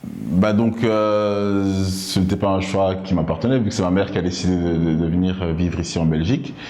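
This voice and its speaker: A man in his thirties from Congo, answering interview questions in a halting way with many fillers and restarts. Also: deep voice, dark tone, reverberant. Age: 30s. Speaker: interview guest, local politician.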